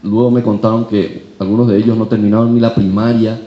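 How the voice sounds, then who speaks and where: A man's voice: on the low side, level tone, brisk. A middle-aged man preaching a sermon with personal testimony, telling stories with humor and acting out the voices of people he quotes. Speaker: preacher at a charismatic renewal gathering. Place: large hall at a national gathering. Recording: echoey hall, dull sound.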